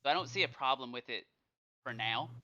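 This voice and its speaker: A man co-hosting a podcast in casual chat, encouraging and quick to give shout-outs. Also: mid-range voice. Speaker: podcast co-host. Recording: dull lo-fi sound.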